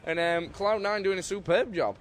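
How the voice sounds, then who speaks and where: A man co-commentating a live video game match, excitable and correcting himself as he goes. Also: sits high, moderate pace. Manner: excitable, self-correcting play-by-play.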